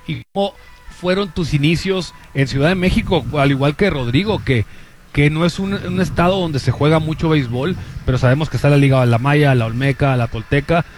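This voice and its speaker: A man's voice: on the high side, brisk, faint music behind. A man hosting a sports radio show, interviewing a guest in a friendly, bantering way. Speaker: radio host.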